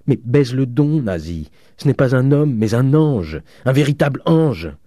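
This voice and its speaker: A man voicing a frail old father who cries out in a high, strained voice. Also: normal speed, mellow, slightly rough, no echo, clean studio sound. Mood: frantic.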